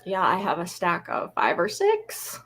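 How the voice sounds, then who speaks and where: A woman's voice: fairly low pitch, huge pitch swings, measured pace, fairly bright tone, slight background noise. A woman co-hosting a craft livestream, talking in an informal, agreeable, chatty way. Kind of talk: casual live chat.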